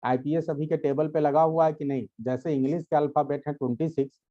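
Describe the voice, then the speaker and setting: Mellow-voiced man teaching a class. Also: a little high, fairly even intonation, brisk, dull audio. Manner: patient, repeats "okay" to check understanding; addresses students directly, gently scolding. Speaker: English grammar teacher. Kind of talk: explanatory lecture to a class.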